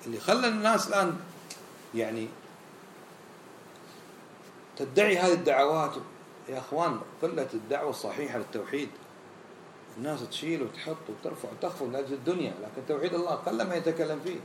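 A man preaching a sermon in an animated way, acting out the voices he quotes. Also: fairly high pitch, very fast, a little hiss or hum. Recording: roomy echo, faint ambience.

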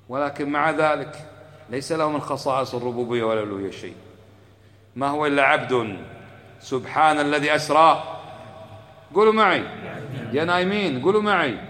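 A man's voice: a little high, fast, pauses often, pushed and bright. A man giving an Islamic lesson to a live audience, calling on listeners to repeat after him and answering his own questions. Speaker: religious teacher. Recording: echoey hall with long reverb.

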